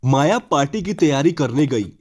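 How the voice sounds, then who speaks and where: A man narrating an animated moral story in an expressive storytelling manner. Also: fairly high pitch, moderate pace.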